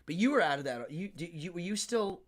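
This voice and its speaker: A man with a high, nasal voice hosts a casual live-stream interview in New York City, talking a little fast with a crowd audible in the background. He's an animated storyteller who laughs often.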